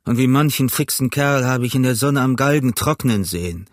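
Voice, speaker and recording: A cunning older pirate cook lectures his crew in a gruff, blustering voice, as a man reads him in an audiobook. The pitch sits mid-range for a man, and the recording is dry with no room sound. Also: expressive, moderate pace, no room sound, lightly acted. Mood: lecturing. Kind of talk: audiobook reading.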